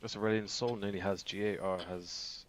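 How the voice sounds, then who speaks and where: A man reacting casually on a live esports broadcast, with fillers and quick remarks. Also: lowish voice, steady tone, reverberant, a little hiss or hum.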